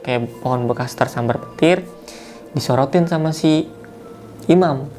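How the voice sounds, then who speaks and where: A man's voice: medium pitch, measured pace, darkish tone, soft background music. Chatty man retelling a horror story. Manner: chatty, full of slang fillers and self-corrections. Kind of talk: casual storytelling.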